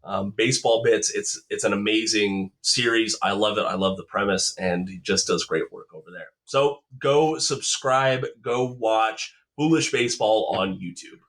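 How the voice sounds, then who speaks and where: A young man hosting a sports podcast, upbeat, chatty, and quick to react with enthusiasm. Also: on the low side, fairly bright tone. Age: young adult. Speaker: podcast host. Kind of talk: casual chat.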